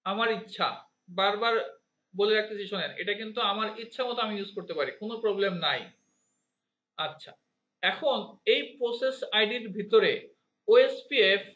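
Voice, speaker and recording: A man with a Bangladeshi Bengali accent teaching networking to a class in a fairly high voice. He keeps asking students questions and has them say terms aloud. The recording is roomy and a little dull. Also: a bit bright. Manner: counts digits aloud one by one. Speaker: networking instructor. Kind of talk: classroom lecture.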